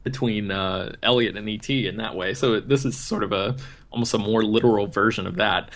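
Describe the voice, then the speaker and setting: A man's voice: on the low side, a little fast, fairly bright tone. A man hosting a movie podcast, rambling casually with lots of fillers and restarts. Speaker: podcast host. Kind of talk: casual movie review chat.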